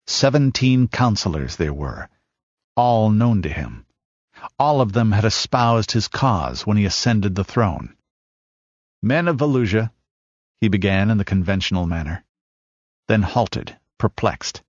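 A man reading a dark fantasy tale as audiobook narrator, measured and dramatic, rising as the battle scenes build. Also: fairly low pitch, expressive, no room sound. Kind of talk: scripted narration. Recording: dull lo-fi audiobook recording.

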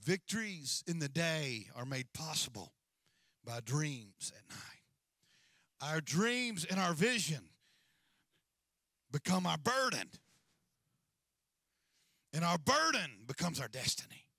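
A man's voice: on the high side, big pitch swings, takes it slowly, vocal fry, long pauses, sharp tone, no room sound. A middle-aged man preaching a sermon as senior pastor on a large church stage, with a handheld mic and a repetitive, rising and falling cadence.

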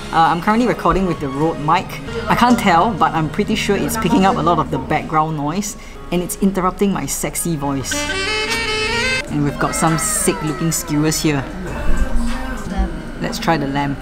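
A woman vlogger with a notably low voice, chatting playfully and cracking jokes as she tests her gear. Music plays clearly behind her. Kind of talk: casual vlog, testing microphones.

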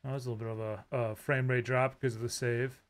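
A gaming YouTuber gives casual, rambling commentary as he plays, often breaking into startled outbursts. His mid-range voice has a level tone and moves at a quick pace.

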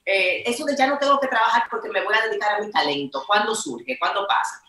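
Bright-voiced woman hosting an interview. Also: medium pitch, sing-song, fast, a little hiss or hum. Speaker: interviewer, show host. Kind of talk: conversational interview. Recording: roomy echo, voice from a distance.

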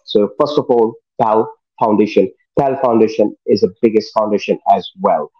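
Speaking through his webcam from the living room, this middle-aged talk show host is eager and casual in his wording. His voice sits on the low side, slightly rough, at a moderate pace, and the audio is muffled.

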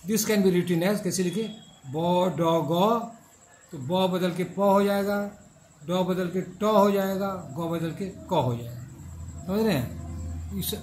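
A man's voice: high voice, a little mellow, slight background noise. A middle-aged male professor lecturing a class, repeating each point and checking that students follow. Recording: echoey classroom with faint ambience.

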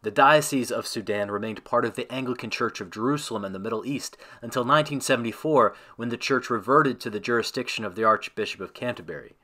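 Bright-voiced man reading a devotion. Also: mid-range voice. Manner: measured, reverent reading. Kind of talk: scripted devotional narration ending in prayer.

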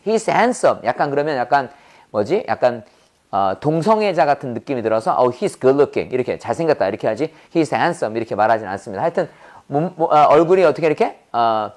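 A man teaching English vocabulary in a playful way, with quick asides and silly acted examples. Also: mid-range voice. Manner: animated, drops into silly voices and sound effects to make words memorable.

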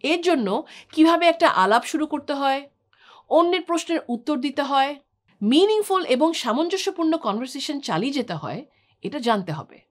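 A woman's voice: high-pitched, big pitch swings, brisk. A woman, an English trainer, giving a scripted lesson and taking points one at a time. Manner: clear, explanatory, lists points one by one. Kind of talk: scripted instructional talk.

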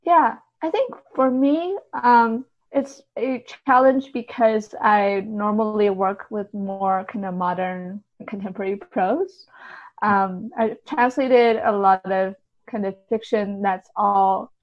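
Taking her time, this woman talks at a medium pitch as a guest being interviewed about her work as a literary translator. Her explanations are conversational and heavily hedged with softening phrases, and the recording sounds dull and lo-fi.

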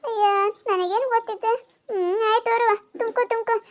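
A squabbling village woman, played by a woman argues over her water pot in a North Karnataka accent. Her voice is very high and her quick words tumble over each other. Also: steady tone. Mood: indignant. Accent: North Karnataka Kannada. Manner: arguing, accusing, pleading. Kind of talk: cartoon voice acting.

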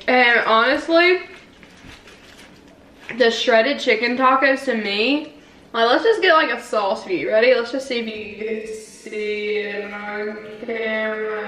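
A woman's voice: fairly high pitch, takes it slowly, a bit bright. A young woman vlogger chatting casually and giggling while she eats on camera. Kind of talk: casual mukbang chat. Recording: echoey room with faint noise.

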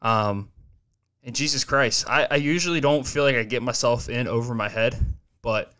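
Speaking into a boom-arm desk mic with headphones on in his small home studio, a twenty-two-year-old solo podcast host rambles loosely and profanely, turning self-reflective. His voice is medium pitch, smooth and sharp in tone, at a moderate pace.

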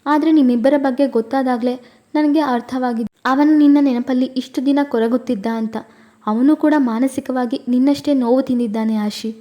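A woman voicing a calm young woman friend who gently reasons and consoles in an audio story. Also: high voice, moderate pace, lightly acted. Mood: consoling.

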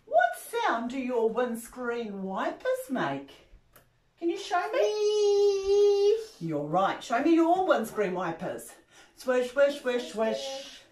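Leading songs and rhymes for little ones at the library, this older woman from New Zealand speaks with her native accent in a high, slow voice. She stays cheerful and animated, singing and gasping to hold the toddlers' attention. A far-off camera records her in a small carpeted room, so the audio sounds roomy.

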